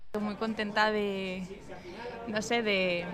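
Hesitant and full of fillers and restarts, a woman from Madrid, Spain, responds to casual interview questions in her Madrid Spanish accent. Her voice is medium-pitched and level, her pace slow, and loud music plays behind her.

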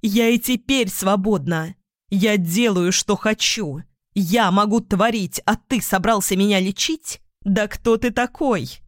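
A woman's voice: mid-range voice, unhurried, dry recording, clean studio sound, lightly acted. A woman voicing a young woman possessed by a demon, haughty and cruel, who turns scornful or sugary in an audiobook. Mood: furious, scornful. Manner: scornful, shifting to sugary flattery.

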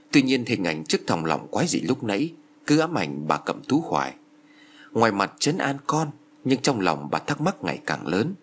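A man narrating a spooky audiobook with dramatic storytelling. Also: fairly low pitch.

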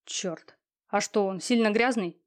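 A woman's voice: mid-range voice, measured pace, lightly acted. A woman voicing a smug, cold, lazy young man in an audiobook, talking in an offhand, sneering way with coarse slang. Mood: mocking. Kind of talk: audiobook reading.

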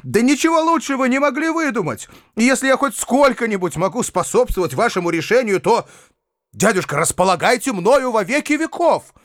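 A man's voice: medium pitch, big pitch swings, moderate pace, dry recording, studio quality, pitched above the performer's own voice. A man voicing an impulsive, enthusiastic young nephew with eager exclamations. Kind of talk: audiobook character reading.

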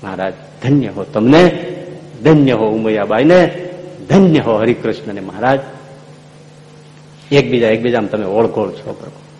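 A man's voice: on the low side, lively intonation, moderate pace, pauses often, warm tone, dull audio. Dramatic preacher man in a reverberant hall. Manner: dramatic, acts out dialogue, sings snatches of devotional song. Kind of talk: devotional storytelling sermon.

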